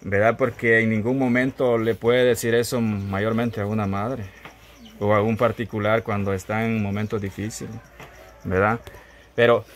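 Earnest low-voiced man giving a reflection. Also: flat delivery, normal speed, a little hiss or hum. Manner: earnest, moralizing, tag questions. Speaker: host. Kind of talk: reflective talk to viewers.

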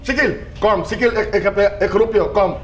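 A flustered schoolteacher in a low-budget film, halting and repetitive, his words tumbling over each other as he scolds his rude pupils. His voice sits a little high, and it carries through an echoey room. Steady background noise runs beneath it. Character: flustered male schoolteacher, strict but overwhelmed by rude pupils. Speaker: Dutch teacher at a school.

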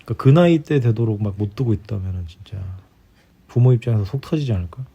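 A man's voice: on the low side, lively intonation, fast, dark tone, breathy edge. A middle-aged man chatting casually in a rambling, easygoing way, like a podcast host talking before bed. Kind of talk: casual bedtime chat between spouses. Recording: dull lo-fi home recording.

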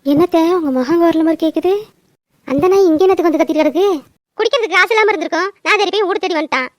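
A woman's voice: very high voice, racing, no echo, studio quality. A woman voicing an old village mother-in-law in a cartoon, scolding and sarcastic. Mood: grumbling. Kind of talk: cartoon voice acting.

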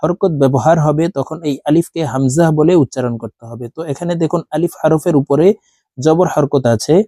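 A man teaching Quran reading in a Bengali lesson, moving between brisk explanations and slow, drawn-out chanting of letter and vowel drills. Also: on the high side, warm tone, no room sound. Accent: Bangladeshi Bengali.

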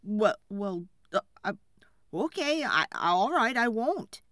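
A woman voicing a poor, tired adult male woodcutter in a children's storybook, speaking loudly and earnestly. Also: medium pitch, very animated, a little slow, no echo, clean studio sound. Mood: nervous.

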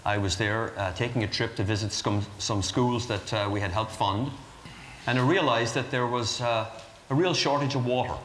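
A man's voice: mid-range voice, moderate pace, a bit bright, echoey room, big-room sound, a little hiss or hum. A man from Ireland with an Irish accent, a charity founder earnestly explaining his work in a TV interview before a live audience.

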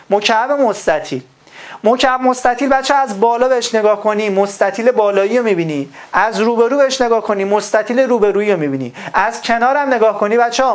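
A woman from Iran teaching a recorded math lesson, explaining patiently and asking the class questions before answering them herself. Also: mid-range voice.

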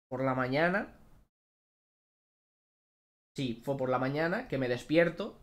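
Rambling man retelling a hard episode. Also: mid-range voice. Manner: rambling, halting retelling with many restarts. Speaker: YouTuber. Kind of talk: personal storytelling vlog.

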